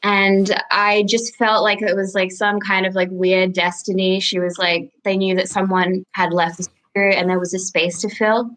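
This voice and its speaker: A young adult woman from Australia with an Australian accent, chatting casually as a podcast guest, relaxed and full of ums and likes. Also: medium pitch, moderate pace, few pauses, low-quality recording. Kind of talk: casual interview chat.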